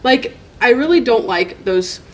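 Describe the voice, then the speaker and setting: A woman's voice: a little high, expressive, unhurried, low-quality recording. A woman librarian co-hosting a casual book chat, rambling and chatty with lots of "like". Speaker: librarian and podcast co-host.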